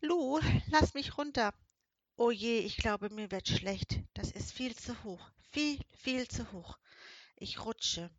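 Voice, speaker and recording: A woman's voice: a little high, slow pace, no echo. A woman voicing a scaredy young tomcat in a children's audiobook wails and whines in a jittery panic. The sound is dry and a bit muffled, with no room around it. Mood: panicked. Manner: whiny, panicky wailing. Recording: dry, dull lo-fi recording.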